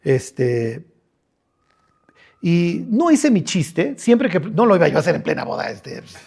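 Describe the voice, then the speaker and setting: A middle-aged man with a Mexican Spanish accent preaching a lively, conversational sermon, joking and using slang as he acts out scenes. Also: on the high side, unhurried, gravelly, slightly rough. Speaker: pastor.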